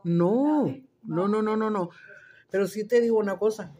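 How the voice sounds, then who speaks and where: A woman with a mid-range voice speaks at a moderate pace. She's a brash, crude mukbang cooking vlogger whose casual cooking-and-eating chat is loud, crude, laced with free swearing, and switches between Spanish and English.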